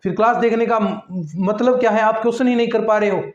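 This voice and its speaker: A man with a high voice teaches maths to his online students, chatting and repeating himself as he explains. His voice carries around an echoey classroom, and the sound is a little dull. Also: fairly even intonation, quick pace. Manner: chatty and repetitive, addresses students as friends and lectures them about attendance. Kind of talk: online exam-prep lecture.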